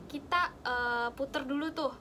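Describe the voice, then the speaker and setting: A woman's voice: high-pitched, measured pace, very noisy. Chatty young woman explaining study tips. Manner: chatty, explains with many fillers and examples. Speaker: student sharing study tips. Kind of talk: casual explaining chat.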